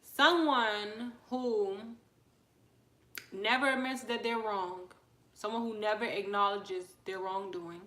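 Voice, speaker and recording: In a reverberant space, a woman with a medium-pitched, steady voice takes her time hosting a casual livestream. She's chatty, reading viewer comments, posing questions to the audience and giving newcomers shout-outs.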